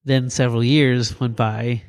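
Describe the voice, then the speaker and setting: A middle-aged man from New Jersey talks through his stories in a relaxed interview. His voice is of middling pitch, and he laughs often and leaps up in pitch for quoted lines. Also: a little slow, smooth. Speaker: guest, paramedic and EMS physician. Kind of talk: casual interview storytelling.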